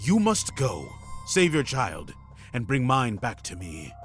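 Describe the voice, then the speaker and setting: With music behind him, an actor voices a grave, mysterious ex-criminal informant and desperate father in a point-and-click adventure game. His mid-range voice swoops wildly in pitch and moves slowly, and the intense, dramatic delivery is cryptic and urgent, with line endings dropping to a hush.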